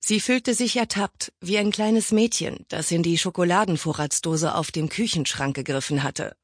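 A woman narrating an audiobook in a measured storytelling manner, lightly voicing the characters' lines. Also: lowish voice, husky, no room sound, clean studio sound.

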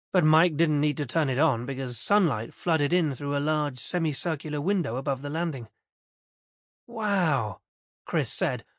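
A man narrating an audiobook in a steady, measured storytelling manner. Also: a little high, no room sound, clean studio sound.

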